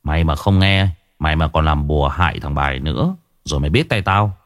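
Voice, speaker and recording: A man's voice: rumbling low, expressive, a little fast, no room sound, studio quality, voice pushed down. A man voicing a stern elder brother who scolds and gives orders.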